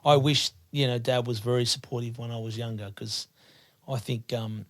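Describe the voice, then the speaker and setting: A man's voice: mid-range voice, moderate pace, dry recording. A man speaking as a podcast guest in earnest, casual chat, often adding "you know". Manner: earnest, repeats "you know", animated when quoting dialogue.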